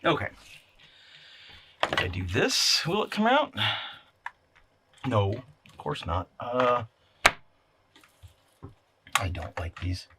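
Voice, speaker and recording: Slowly and with long pauses, a man muses aloud while fixing electronics for his video, muttering and answering himself without a script. His mid-range voice swoops wildly in pitch, and clicking, clatter and other background noise are clearly heard.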